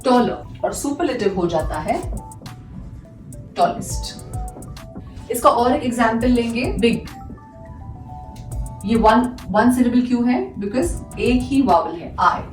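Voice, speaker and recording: In a slow, animated delivery with frequent pauses and fairly high pitch, a woman works through a grammar lesson like a teacher in class. She patiently answers her own questions and repeats examples, captured by a far-off mic in an echoey room with faint music behind.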